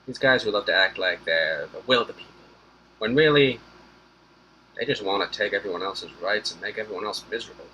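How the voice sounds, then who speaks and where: A man's voice: on the low side, brisk, sharp tone, a little hiss or hum, rough recording. A man hosting a casual history commentary, sarcastic and rambling, with swearing asides. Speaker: host.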